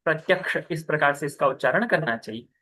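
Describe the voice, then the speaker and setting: A young man's fairly high, bright, and forceful voice moves quickly and animatedly as he teaches a scripture class by video call. Patient despite the pace, he explains step by step and keeps asking students "ठीक है".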